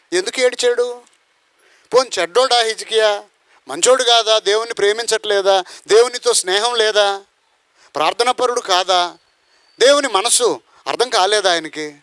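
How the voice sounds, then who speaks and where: A man's voice: sits high, a bit bright, dry recording. A man preaching a sermon, firing rhetorical questions and acting out the voices in his story. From India. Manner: rhetorical questions, acts out quoted voices, bursts into song. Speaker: pastor.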